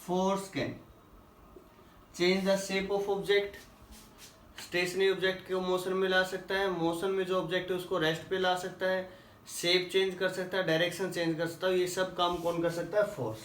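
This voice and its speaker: Physics teacher guy, high voice, asks the class stuff then answers it himself, kinda far off the mic. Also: flat delivery, a bit bright, a little hiss or hum. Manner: asks the class questions and answers them himself, calls students "beta"; reads English questions slowly, then explains in Hindi. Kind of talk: classroom lesson, solving quiz questions. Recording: echoey room, voice a little off-mic.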